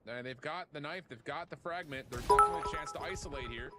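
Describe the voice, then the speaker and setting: A man giving excitable color commentary on an esports match. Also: a little high, quick pace, soft background music. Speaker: esports caster.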